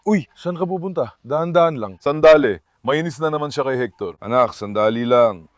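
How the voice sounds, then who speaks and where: A man's voice: medium pitch, expressive, normal speed, no room sound. Man chatting to his dogs, dry close mic. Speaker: pet vlogger. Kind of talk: casual vlog narration to the camera.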